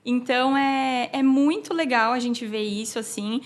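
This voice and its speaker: Woman, 30s, high voice, casual podcast chat, lively, explanatory. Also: a little slow. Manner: lively, explanatory, sprinkles talk with "né" and "assim". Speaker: podcast co-host, mother of three.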